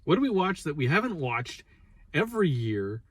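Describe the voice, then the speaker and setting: A man's voice: on the high side, sing-song, normal speed, a bit bright, slightly rough. A man co-hosting a casual movie review chat with playful, bantering talk. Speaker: podcast co-host.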